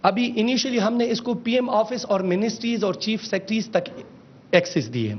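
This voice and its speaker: A man, a government official giving a formal press briefing on a system, mixing in English phrases and calling out each slide. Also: slightly rough. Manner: mixes in English phrases, calls out slide changes. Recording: dull lo-fi with faint rumble.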